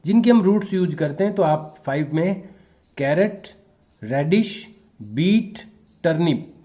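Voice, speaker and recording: Slow-dictating man teacher. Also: fairly high pitch, expressive, dark tone. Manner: slow, dictating answers word by word, translating each phrase. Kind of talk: classroom lesson, bilingual explanation.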